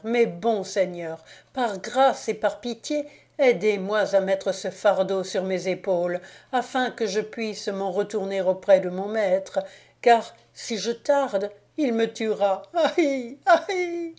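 Lady doing a whiny sly old devil guy, begging, slow and soft. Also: medium pitch, natural voice. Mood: pleading. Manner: pleading, groaning, self-pitying. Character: whining wretched male devil disguised as old slave. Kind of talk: audiobook reading.

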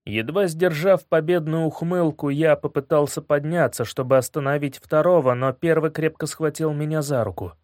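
A man reading a first-person story aloud in a measured way, dropping low and quiet on grim moments. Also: fairly even intonation, dry recording, studio quality. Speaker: audiobook narrator.

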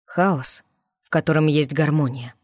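A woman voicing a slow, teasing mysterious man. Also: low voice, no room sound, studio quality. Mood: smooth, teasing. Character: mysterious confident flirtatious man.

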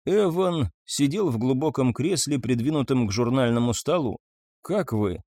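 A man reading a novel aloud in a measured, expressive way. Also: mid-range voice, no echo, studio quality. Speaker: audiobook narrator. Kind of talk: scripted narration of a novel.

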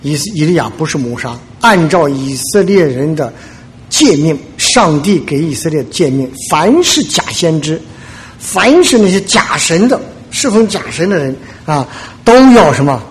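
A man preaching a sermon, retelling a story in lively fashion, acting out the characters and filling pauses with "ah". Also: on the high side. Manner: animated retelling, acts out the characters, frequent filler "ah".

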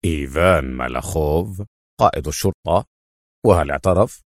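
A man voicing a stern, angry male Soviet general with a gruff manner. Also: extremely low pitch, lively intonation, moderate pace, dry recording, clean studio sound, voice pushed down. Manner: gruff, indignant.

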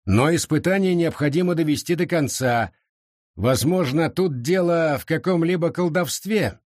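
A stern, coldly methodical captain , as a man puts him on, speaking with calm menace in a raised, lively voice. His husky tone is close and dry. He sounds like someone used to being obeyed. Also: a little high, dry recording, pitched above the performer's own voice. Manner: coolly authoritative, measured.

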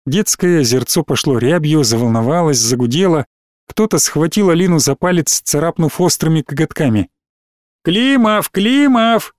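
A man reading a story aloud in a measured, expressive way. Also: a little high, no room sound, studio quality. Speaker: narrator. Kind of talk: scripted audiobook narration.

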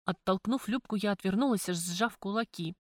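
A woman reading a first-person novel aloud in a calm, measured way, at a middle pitch. The recording is dry and close, with no room around it. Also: no room sound. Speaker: audiobook narrator. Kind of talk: first-person audiobook narration.

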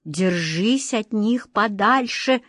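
A woman voicing Nitochka, a gentle golden-haired young girl in a fairy tale, speaking softly and tenderly. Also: medium pitch, lively intonation, slow, no room sound, clean studio sound. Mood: anxious, tender. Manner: soft, tender, anxious.

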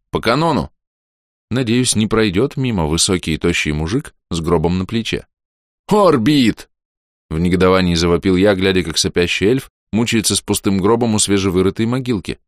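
A man reading a first-person audiobook in a lively, ironic manner. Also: deep voice, dry recording, clean studio sound. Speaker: audiobook narrator.

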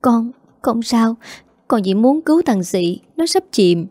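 A woman's voice: fairly high pitch, animated, dark tone, dry recording, studio quality. A woman doing a trembling shy orphan girl. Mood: shaken. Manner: halting, trembling.

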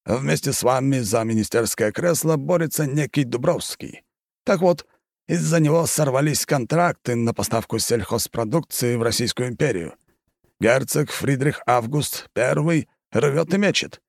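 A male audiobook reader voicing a lecherous, scheming marquis with a smooth, pompous manner. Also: medium pitch, no room sound, studio quality, pitched above the performer's own voice. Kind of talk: audiobook character reading.

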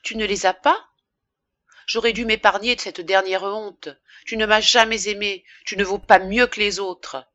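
A woman's voice: medium pitch, animated, measured pace, no echo, muffled recording. A woman voicing a desperate young wife pleading with her former lover, in a dry audiobook reading. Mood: bitter reproach. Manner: pleading, rising and forceful when upset. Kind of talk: audiobook character voice.

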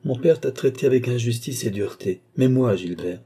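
A man reading the part of a kind, worried young nobleman who speaks gently and coaxingly in an audiobook. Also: medium pitch, lively intonation, moderate pace, gravelly, breathy edge. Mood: gentle coaxing.

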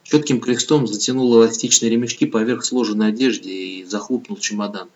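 Man reading an audiobook, low steady voice, sounds a bit muffled. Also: brisk. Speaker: audiobook narrator. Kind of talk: scripted narration.

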